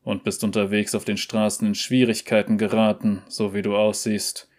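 A man's voice: on the low side, flat delivery, moderate pace, a little mellow, natural voice. A man voicing a grieving young prince who speaks in a subdued, bitter way.

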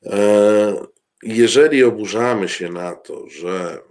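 A man giving political commentary to his audience, halting often with filler sounds and restarts, with an ironic edge. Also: fairly low pitch, a little mellow. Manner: ironic, addresses the audience directly.

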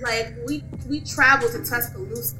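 A woman telling a story in casual chat, animated, laughing often, with lots of "like". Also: on the high side, brisk. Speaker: podcast co-host. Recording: roomy echo, faint music behind.

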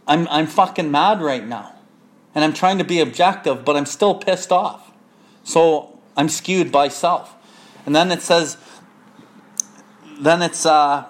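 A man speaking casually and earnestly about working a twelve-step program, blunt and profane as he tells a personal story. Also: on the high side. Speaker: recovery speaker. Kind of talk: casual recovery talk.

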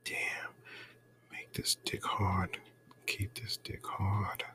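A man doing an intimate whispered role-play right in your ear, breathy and coaxing, close to the mic. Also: completely flat delivery, extremely slow, pushed and bright. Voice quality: breathy, mostly whispered low voice.

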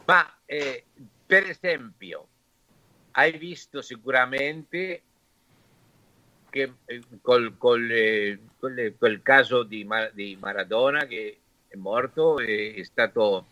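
A man from Argentina speaking with an Argentine Spanish accent as a native Spanish speaker, halting and searching for words in a casual interview. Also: mid-range voice, sharp tone, no echo. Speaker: interview guest.

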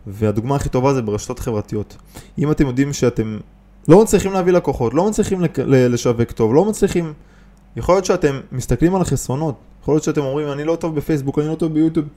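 A man's voice: mid-range voice, warm tone. A man hosting a podcast on business and mind, talking casually and with emphasis, asking rhetorical questions and restarting often. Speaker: podcast host, business coach. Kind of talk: casual motivational podcast talk.

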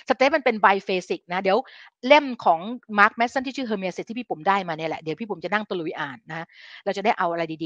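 A woman's voice: mid-range voice, fairly bright tone, no room sound. A middle-aged woman hosts a casual health live stream and talks with her viewers like an older sister. She scatters English science terms through her speech. The sound is dry, with no room, and a little dull. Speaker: live-stream host giving health advice.

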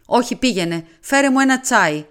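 A woman's voice: a little high, expressive, a bit bright, pitched above the performer's own voice. A woman voicing a weary, tormented dying man in an audiobook, with pained, pleading words.

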